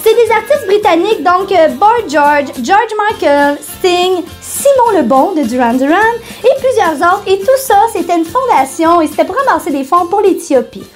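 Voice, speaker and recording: Bubbly quebecois lady hosting a kitschy tv show, high lively voice, music in the back. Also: normal speed, few pauses. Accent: Quebec French. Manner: bubbly, giggly and excitable. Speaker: TV host. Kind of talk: campy parody of a local TV show.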